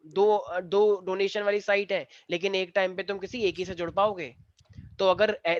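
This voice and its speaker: Guy teaching chemistry, highish voice, jokey with the class, dry kinda dull recording. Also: fairly bright tone, no room sound. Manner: playful, teasing, mixes English into lecturing. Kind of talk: classroom lecture. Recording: dull, slightly lo-fi dry sound.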